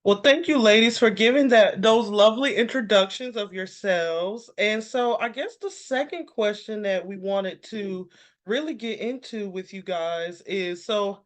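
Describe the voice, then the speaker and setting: A woman's voice: mid-range voice, a little slow. A young adult woman hosting a panel discussion, friendly, with frequent um fillers. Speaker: panel host.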